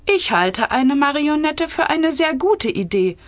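A woman's voice: high-pitched, big pitch swings, unhurried, dry recording, voice pushed up. A sly male cabinet minister who grins as he floats a cynical scheme, in a satirical audiobook scene, as a woman reads him. His voice is dry and close. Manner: grinning, sly, raised voice.

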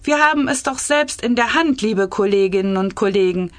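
A woman reading aloud as a brisk, scheming female chief of staff who persuades a cabinet. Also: medium pitch, expressive, no room sound, close to an everyday voice. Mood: persuasive.

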